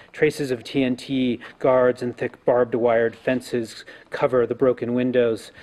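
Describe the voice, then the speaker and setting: A man's voice: mid-range voice, a little mellow. Man reading grave poetry aloud. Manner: grave, intense, with chanted refrains. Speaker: poet reading a translated poem.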